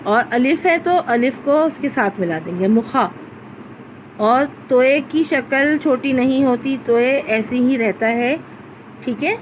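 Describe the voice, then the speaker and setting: Here a primary school Urdu teacher leads a children's class, working through the spelling of letters slowly and patiently. Her voice is high, and a little hiss or hum runs through the rough recording.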